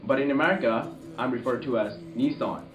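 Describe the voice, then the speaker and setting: A man from Bangladesh speaking in an interview in a quick, lively way. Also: mid-range voice, over music. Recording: echoey, mic far off.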